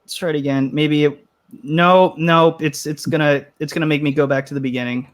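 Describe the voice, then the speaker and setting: A man's voice: on the high side, fairly even intonation, brisk. A man hosting a casual online panel chat, rambling a bit and reading viewer comments aloud. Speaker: host.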